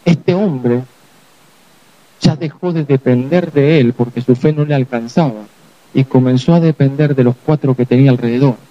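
A man's voice: medium pitch, normal speed. Man, pastor, Rioplatense Spanish accent, sermon, acts out quoted voices, dull lo-fi sound.

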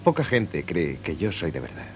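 Sincere, animated young filmmaker guy. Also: low-pitched, normal speed, a little hiss or hum. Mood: gentle, sincere. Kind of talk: dubbed film comedy acting.

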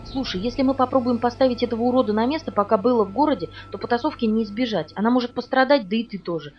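A woman's voice: on the high side, racing, pitched above the performer's own voice, close to an everyday voice. A woman reading an audiobook, voicing a brash young man who talks in a blunt, swaggering way. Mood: scheming. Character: brash young man, cocky and eager for a fight. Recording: dull distant audio with music behind.

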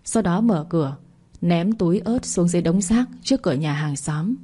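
A woman narrates a first-person bedtime story in a calm, steady way. Her voice sits slightly low and sounds warm and mellow. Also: normal speed, slightly rough.

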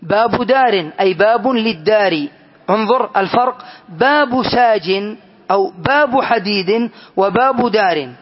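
A man with a high voice leads a grammar lesson, explaining each example slowly and testing his students with questions. The recording sounds dull and lo-fi, like an old classroom lecture tape. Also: expressive. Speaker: teacher of Arabic grammar.

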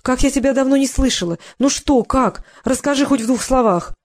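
A woman's voice: fairly high pitch, darkish tone, close to an everyday voice. A woman reader voicing a fussy, chattering older female secretary who fusses over a caller. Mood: fussing. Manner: fussing, rapid chatter.

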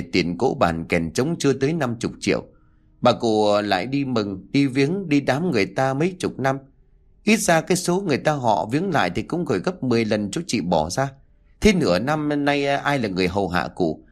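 Man playing an indignant, argumentative daughter-in-law, sharp-tongued, scheming, animated, storybook. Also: mid-range voice.

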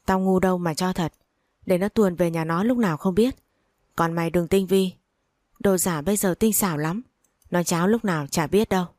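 A woman's voice: fairly low pitch, normal speed, darkish tone, no room sound, studio quality, close to an everyday voice. A woman reading the lines of a greedy, spiteful older mother-in-law who scolds and curses. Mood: furious. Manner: scolding, cursing, sneering.

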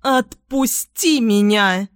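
A woman voicing a furious middle-aged mother in an audiobook, shouting scornful accusations. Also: medium pitch, expressive, takes it slowly, no echo, studio quality. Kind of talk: audiobook character voice.

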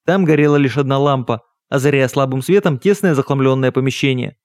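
A man narrating a first-person literary audiobook in a measured, even storytelling manner on a close studio mic. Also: medium pitch, no room sound.

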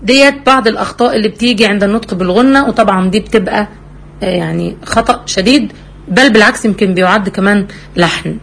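An Egyptian-accented woman gives a tajweed lesson in a steady, mid-pitched voice. She poses questions to her listeners and then answers them. Between brisk explanations she draws out Quranic examples slowly to show how each one should sound. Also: gravelly, a little hiss or hum. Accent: Egyptian Arabic. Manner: slow demonstrative recitation of examples between quick explanation. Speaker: Quran recitation teacher.

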